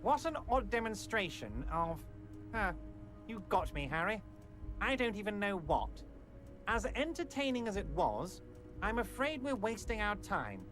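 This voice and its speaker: A man's voice: high-pitched, very animated, unhurried. An actor playing a huge, jovial and manipulative male union boss who talks in smarmy, falsely reassuring tones in a video game. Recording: game music behind.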